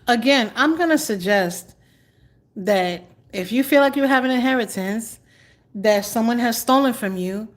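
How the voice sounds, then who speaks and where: A woman's voice: on the high side, a little slow. A woman tarot reader on a live stream, answering viewers bluntly but apologetically and repeating her advice.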